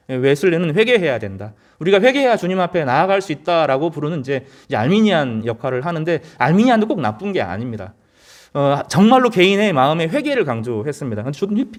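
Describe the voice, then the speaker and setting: A man preaching a sermon as pastor, earnest, with rising emphasis and frequent hesitation fillers. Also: a little high.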